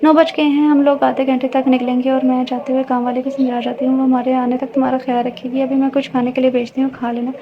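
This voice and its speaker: A woman's voice: high voice, little pitch movement, fast, few pauses, muffled recording, crowd noise. A woman reading as a tender widowed mother. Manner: gentle and motherly. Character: worried widowed mother, middle-aged, tender.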